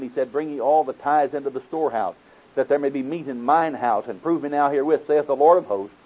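Husky Oklahoma-accented preacher man, phone-like sound. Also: on the high side. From Oklahoma, United States. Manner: folksy, rhetorical questions to listeners. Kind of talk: sermon teaching with scripture quotations. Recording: muffled, narrow phone-like sound.

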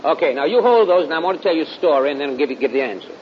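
A man's voice: expressive, very fast. A middle-aged man with a Southern US accent preaching in a folksy, drawling storytelling style, repeating phrases for emphasis. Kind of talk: storytelling sermon. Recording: dull lo-fi recording with clear rumbling hiss.

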